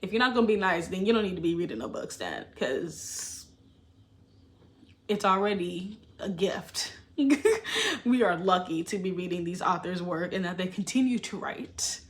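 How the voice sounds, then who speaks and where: A woman's voice: fairly low pitch, very animated, moderate pace. A young adult woman talking casually to camera about books, chatty and emphatic, with fillers and laughs. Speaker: book vlogger.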